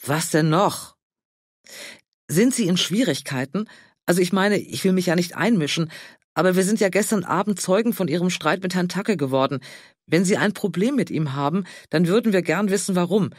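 Man reading as fussy old man, high fretful voice, eager, dry close sound. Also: animated, normal speed, no room sound. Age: older. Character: fussy anxious older man, peacekeeping.

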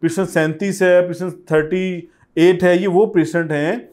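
Persuasive Pakistani Urdu property agent. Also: male voice, high-pitched, fairly even intonation, normal speed, darkish tone. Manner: persuasive, urging viewers to buy. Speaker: real estate agent. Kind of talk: property sales pitch to camera. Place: office studio set, indoors. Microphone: lapel mic.

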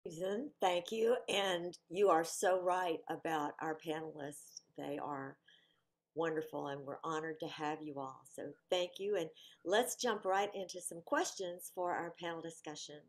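A woman with a lowish voice moderates a panel over a video call. She speaks in a gracious, measured way as she introduces questions.

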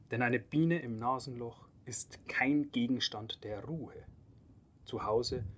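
A man narrating a fairy tale in a calm storybook reading, sometimes dropping to a whisper. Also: mid-range voice, slight background noise.

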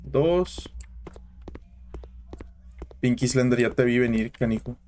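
A man's voice: mid-range voice, slow pace, darkish tone, slight background noise. A young man with a Mexican accent giving casual commentary on a horror game, jumpy, yelping and swearing at scares, chatting with his viewers. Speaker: gaming channel host.

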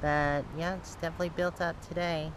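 Road-trip vlogger, mid-pitched, relaxed and chatty, recorded over loud car noise. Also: fairly quick. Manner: relaxed, chatty, with frequent fillers. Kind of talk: casual travel vlog narration. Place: inside a car, then outdoors on a hilltop.

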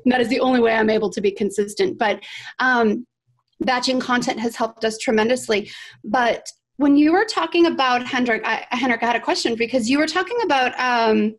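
Woman, upbeat chatty guest on a video call, slightly high voice. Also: fairly quick. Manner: chatty, enthusiastic, many "like" and "right?". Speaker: guest podcaster. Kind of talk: casual video-call discussion.

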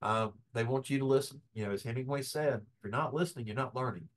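A middle-aged man giving a lively business workshop lecture in a folksy way, acting out bits of quoted dialogue. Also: medium pitch, fast.

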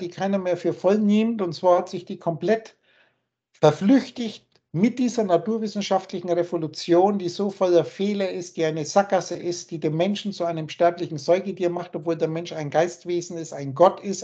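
A man lectures over a video call, pressing his points with insistence and circling back to repeat them. His voice has a husky, breathy edge. The call audio comes through muffled and lo-fi. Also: high-pitched, dark tone. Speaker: spiritual teacher.

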